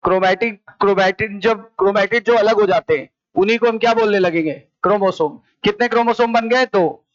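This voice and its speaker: A man's voice: high voice, a little fast, dry recording, dull audio. A man with an Indian accent teaching a biology class, firing the same question at students again and again. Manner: repetitive question-and-answer drilling. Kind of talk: classroom lecture. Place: coaching classroom.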